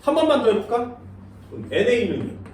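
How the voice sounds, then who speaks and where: The lecturer now sounds very high and a little fast, his somewhat dark voice swinging widely in pitch. Teaching science, he frequently quizzes the class to see if they understand, blending banmal with polite speech. It is captured distantly in an echoey classroom, with faint noise.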